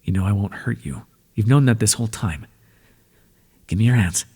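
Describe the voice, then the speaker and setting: Voicing an ancient god of the underworld for ASMR roleplay, a man comforts the listener tenderly in a soft, breathy, measured delivery. His pitch is fairly low, the mood gentle and soothing, with a long reverb tail.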